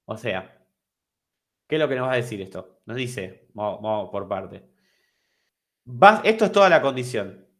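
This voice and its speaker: A man's voice: medium pitch, expressive, measured pace, pauses often, fairly bright tone. Argentine man teaching a coding class. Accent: Argentine Spanish. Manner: explanatory, repeats and restarts, asks if understood. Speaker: programming teacher. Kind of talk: recorded online class.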